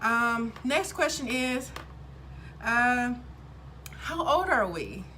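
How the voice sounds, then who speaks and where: Woman, 30s, casual vlogger, bright upbeat delivery, chatty with fillers, light hiss. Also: fairly high pitch, sing-song, drawn-out words. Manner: upbeat, chatty, lots of ums. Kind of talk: casual chat to camera.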